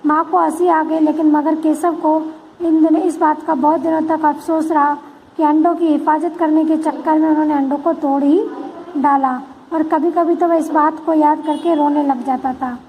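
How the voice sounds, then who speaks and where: A woman's voice: high-pitched, flat delivery, moderate pace, mellow, a little hiss or hum, rough recording. A woman school teacher who reads a textbook story aloud and then retells each passage in simpler words. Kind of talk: reading and explaining a textbook story.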